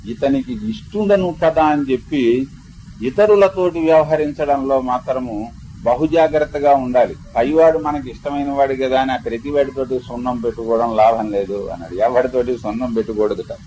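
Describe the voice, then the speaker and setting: An older man with a Telugu accent, a spiritual teacher who chants verses slowly and melodically, then explains them in a discourse. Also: medium pitch, dark tone, slight background noise, poor audio. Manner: explanatory storytelling lecture.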